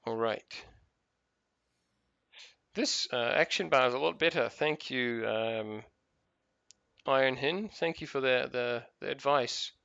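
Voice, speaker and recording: Bright, crisp New Zealand man rambling. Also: medium pitch, slow pace, pauses often, no echo, dull audio. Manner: rambling, many fillers and restarts. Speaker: gaming video host. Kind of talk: casual commentary while playing.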